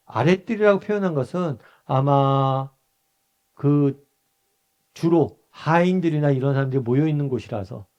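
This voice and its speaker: A male pastor from Busan, South Korea leads a conversational Bible study, posing questions to the group, answering them himself, and acting out brief quoted lines in a raised voice. His voice is mid-range with a darkish tone.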